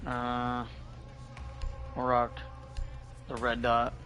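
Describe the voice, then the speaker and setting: A man with a hoarse, fading voice giving relaxed, casual commentary as he plays a game on stream. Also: medium pitch, drawn-out words, soft background music. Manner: relaxed, thinking aloud while playing. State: hoarse, losing his voice.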